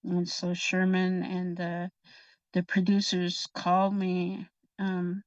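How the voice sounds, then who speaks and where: A woman's voice: fairly low pitch, monotone, slow, no echo. A woman guest telling a laughing anecdote in an interview, acting out quoted lines. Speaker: guest actress. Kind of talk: storytelling interview. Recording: distant, dull lo-fi sound.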